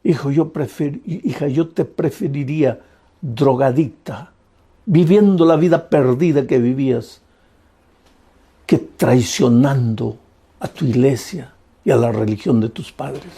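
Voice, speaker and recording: A man's voice: medium pitch, unhurried, gravelly, warm tone, breathy edge, voice pushed down. A man voicing a stern religious mother who scolds her daughter indignantly.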